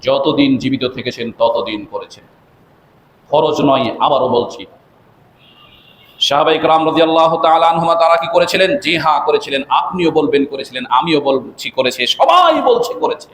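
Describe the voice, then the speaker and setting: A man, an imam from Bangladesh, delivering a sermon. He asks rhetorical questions and often rises to loud, emphatic peaks. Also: a little high, fairly even intonation, normal speed. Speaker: imam and preacher. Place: mosque. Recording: echoey mosque hall, faint ambience.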